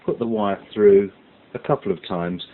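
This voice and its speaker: With a fairly low pitch, fairly even intonation, and moderate pace, a man methodically explains each step of a hands-on science demonstration, stressing key words along the way. The recording sounds muffled and lo-fi, with background hiss.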